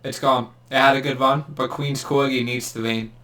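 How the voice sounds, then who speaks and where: A man's voice: mid-range voice, flat delivery, normal speed, sharp tone. Sarcastic young man, rambling podcast chat. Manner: sarcastic, laughing, rambling with many fillers. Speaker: podcast co-host. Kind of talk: casual chat.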